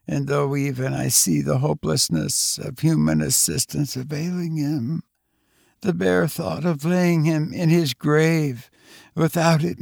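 Man reading a mourning woman, low deep voice, desperate pleading, slow words, gravelly edge, storybook. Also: darkish tone, no room sound, studio quality, exaggerated voice. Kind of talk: audiobook character voice.

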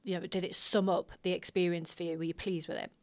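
A woman's voice: lowish voice, little pitch movement, quick pace, a little mellow, dry recording. A woman hosting a podcast, prompting her guest with follow-up questions. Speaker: podcast host. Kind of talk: podcast interview.

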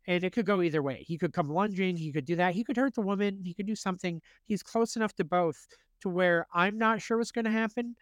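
A young male podcast host spins a casual story, animated and quick to swear, acting out what everyone said. His voice sits a little high for a man. The sound is dry and close, with no room around it. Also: no echo. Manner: animated, swears freely, acts out quotes.

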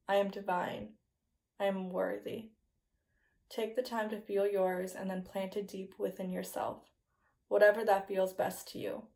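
A woman guiding a yoga nidra meditation in a slow, soothing, hypnotist-like manner with soft phrase endings. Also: medium pitch, vocal fry. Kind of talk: guided meditation, scripted relaxation narration.

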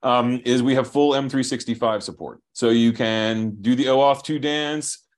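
A man, a software company founder, talking over a video call while he shares his screen and explains his product, brisk and thinking aloud with restarts. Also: mid-range voice, steady tone. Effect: heard over a video call.

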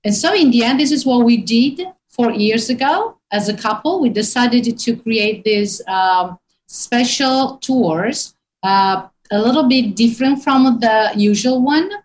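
Italian woman guest, halting with fillers. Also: fairly high pitch, poor audio. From northern Italy. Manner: hesitant, many fillers. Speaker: tour guide guest. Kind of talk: interview on a call.

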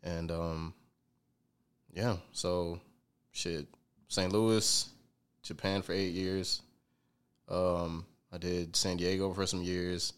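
A man's voice: low voice, flat delivery, slow, long pauses, clean tone. A man who is a singer, a guest on a podcast, talking in an easygoing, slangy way with casual swearing.

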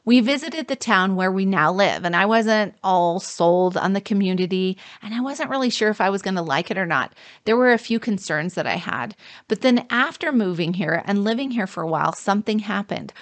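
A woman dating coach talking through a podcast monologue, giving earnest, steady advice to listeners. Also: mid-range voice, moderate pace. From United States.

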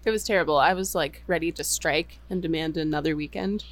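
Bubbly woman co-host, quick to laugh. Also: sits low. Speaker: podcast co-host. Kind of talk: casual chat.

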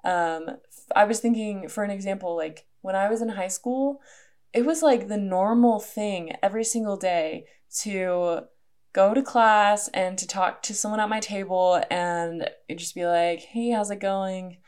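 A woman's voice: medium pitch, a little slow, a little mellow. A young adult woman hosting a solo podcast, talking in a casual, earnest way with many fillers. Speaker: podcast host.

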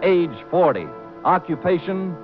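A man's voice: high voice, expressive, unhurried, loud music behind the voice. An actor playing a wisecracking, hardboiled private detective who narrates his own case in an old radio drama. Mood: narrating. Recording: dull old radio broadcast.

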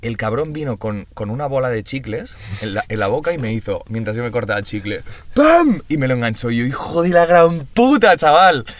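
A man's voice: medium pitch, fast, few pauses, no room sound. Young Castilian Spanish man telling stories, slangy. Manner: slangy, sweary. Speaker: podcast co-host. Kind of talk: casual chat and storytelling among friends.

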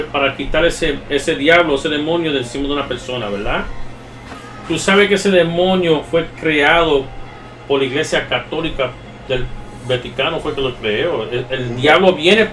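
A man's voice: on the high side, fairly bright tone. A man hosting a casual chat, explaining things in a lecturing way with many restarts. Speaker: podcast host. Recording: echoey distant mic with faint music.

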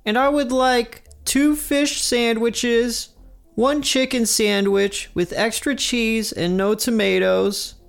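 A man's voice: very high voice, steady tone, slow pace, gravelly, clear, resonant tone, faint music behind, voice pushed up, full character voice. A man voicing a woman teacher who orders food at a drive-thru, listing a long fussy order item by item. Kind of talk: podcast episode recap, quoting a cartoon.

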